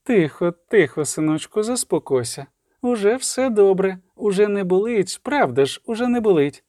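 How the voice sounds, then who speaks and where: A man voicing a gentle woman sorceress who coaxes a dying man in a soft, soothing voice in an audiobook. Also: high voice, animated, normal speed, dry recording, clean studio sound, pitched above the performer's own voice.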